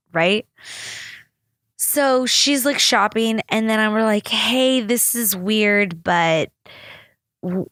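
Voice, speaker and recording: A woman's voice: medium pitch, fairly bright tone, dry recording, studio quality. A young woman hosting a casual solo podcast, telling a story in a rambling way, full of fillers and laughter. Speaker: podcast host.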